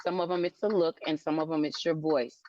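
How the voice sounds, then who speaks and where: A woman's voice: low voice, steady tone, brisk, a crowd in the background. Blunt woman, slightly muffled recording. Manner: blunt, matter-of-fact opinions. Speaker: co-host. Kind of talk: casual chat.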